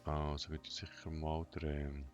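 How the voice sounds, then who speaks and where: A man giving an unscripted game walkthrough in a flat, emotionless monotone, thinking aloud in short, hesitant fragments. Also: very deep voice, a little slow. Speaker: gaming tutorial host. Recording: dull lo-fi sound, music behind.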